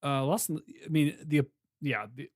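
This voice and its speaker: A man's voice: fairly high pitch, normal speed, dry recording, clean studio sound. A man co-hosting a comedy podcast in casual chat, rambling and restarting as he builds his points. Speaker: podcast co-host.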